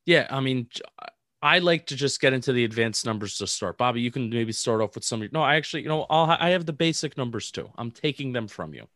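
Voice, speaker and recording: A man co-hosting a casual sports podcast, reading off statistics in a measured way. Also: mid-range voice, expressive, a bit bright, dry recording, studio quality. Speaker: podcast co-host. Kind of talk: casual sports analysis chat.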